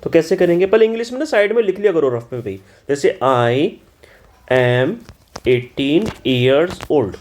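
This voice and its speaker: This is a man teaching German in Hindi, solving an exam paper and reprimanding students for frequent errors while slowly spelling German words aloud. His voice sits on the high side, expressive and a little mellow, with slight background noise.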